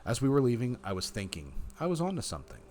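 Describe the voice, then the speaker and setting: A man's voice: medium pitch, huge pitch swings, fast, a little mellow, soft background music. A man streaming a story game, reading its text aloud and announcing his choices.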